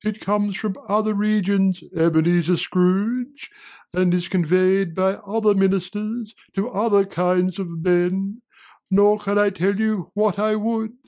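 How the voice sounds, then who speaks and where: A woman voicing the chained ghost of an old male business partner, slow and loud with drawn-out wailing delivery. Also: medium pitch, fairly even intonation, lightly acted. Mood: solemn. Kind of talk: audiobook character reading.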